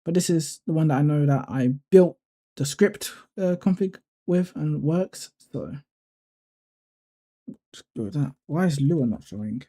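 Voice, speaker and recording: A YouTuber walks through setting up a code editor in a casual screen-recording tutorial. His deep, dark voice moves a little slowly, and he stays relaxed, thinking aloud with fillers and correcting himself as he goes.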